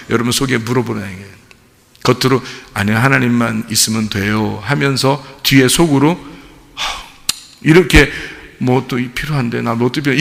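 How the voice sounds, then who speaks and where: A man's voice: mid-range voice, gravelly, pushed and bright, long reverb tail. A male pastor giving a conversational sermon, acting out little dialogues with God in different voices. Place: church sanctuary.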